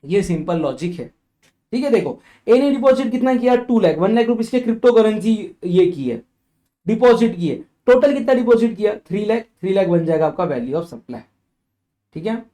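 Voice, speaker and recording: Male tax lecturer, mellow and relaxed, walks through examples and checks for understanding. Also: high voice. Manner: mixes in English legal phrases read slowly. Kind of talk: exam revision lecture.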